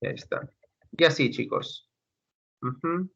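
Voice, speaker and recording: A man's voice: on the high side, takes it slowly, gravelly, fairly bright tone. A man teaching a university class online, talking through his course materials in a chatty way with many fillers. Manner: conversational, addresses students as chicos, many fillers. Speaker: university lecturer. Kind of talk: online class over video call. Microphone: computer mic on a video call. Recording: dull lo-fi call audio.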